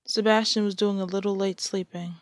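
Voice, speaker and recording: A woman's voice: medium pitch, fairly even intonation, brisk, no echo, studio quality. A woman hosting her own podcast, chatting casually and then reading a story aloud. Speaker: podcast host and story reader. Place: shared home.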